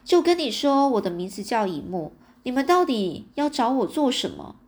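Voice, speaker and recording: A woman's voice: a little high, very animated, normal speed, a little mellow, pitched above the performer's own voice. Woman voicing a brash fearless boy. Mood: defiant. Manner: proud, impatient.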